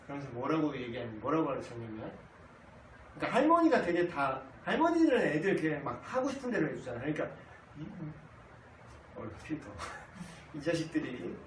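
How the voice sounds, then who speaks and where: A man's voice: fairly high pitch, fairly quick, slight background noise. A man in his thirties teaching a casual Bible class, blunt and joking as he tells family stories. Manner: blunt, joking, animated storytelling. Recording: echoey room, distant mic, faint ambience.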